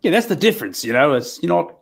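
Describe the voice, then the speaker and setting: A man playing a tabletop role-playing game in casual improvised talk, halting and wordy. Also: fairly high pitch, very animated, vocal fry, slight background noise.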